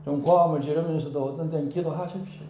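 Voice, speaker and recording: A male pastor preaching a sermon in an animated way, acting out prayers and shouting for emphasis. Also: a little high, quick pace, echoey room, noisy background. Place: church.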